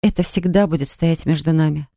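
A woman narrator voicing a hurt young wife who quietly refuses to forgive her husband in an audiobook. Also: sits low, a little fast, no echo, studio quality. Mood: sad firm. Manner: quiet, sad and steady.

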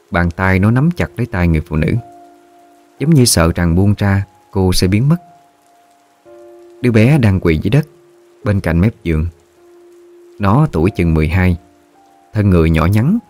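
A man narrating a scripted ghost story in a slow, measured way. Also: low voice, warm tone.

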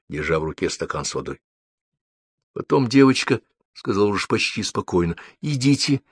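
A man narrating a story aloud in an expressive, theatrical manner. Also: low-pitched, husky, no room sound, studio quality. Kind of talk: audiobook story reading.

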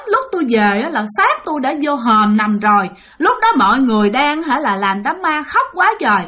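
A woman's voice: sits high, sharp tone, voice pushed up. A woman voicing the reproachful ghost of a young man, in an aggrieved, lamenting tone.

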